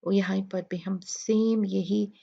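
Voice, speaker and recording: A woman with a Pakistani Urdu accent teaching Quran recitation rules, patiently repeating sounds slowly to demonstrate them. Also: medium pitch, fairly even intonation, vocal fry, mellow. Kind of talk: tajweed lesson explaining recitation rules. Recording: dull lo-fi recording.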